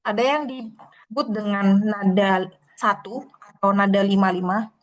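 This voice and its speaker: A woman with a slightly high voice teaches a Mandarin class over a video call. She explains patiently, slows down to model each tone, and stretches the syllables out for her students. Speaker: Mandarin tutor.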